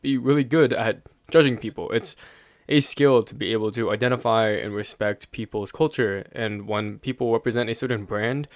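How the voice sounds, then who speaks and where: A young American vlogger rambles casually through his opinions, thinking aloud and chuckling often mid-sentence. His voice is lowish and steady at a moderate pace, in a dry, studio-quality recording.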